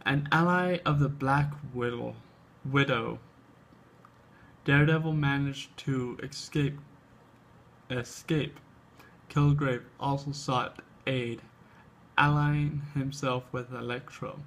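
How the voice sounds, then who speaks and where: A man hosting a comic book show, reading aloud haltingly with casual asides, his speech slightly tripped up by an overbite. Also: medium pitch, steady tone, gravelly, fairly bright tone. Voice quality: slight speech impediment from an overbite, tongue flicking at upper lip. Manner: halting reading, stumbles and repeats words.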